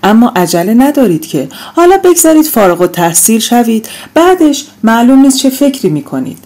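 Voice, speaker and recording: A woman reading an audiobook, voicing a middle-aged father who tries to calm his daughter with soothing reasoning. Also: fairly high pitch, pitched above the performer's own voice.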